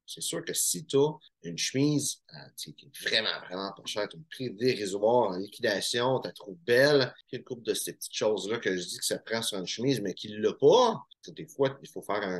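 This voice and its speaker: A man's voice: medium pitch, fairly bright tone. A man from Quebec with a Québécois French accent, giving casual, informal tips on buying shirts to his viewers, with many fillers and restarts. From Quebec, Canada. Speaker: menswear style YouTuber. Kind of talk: casual instructional talk to camera.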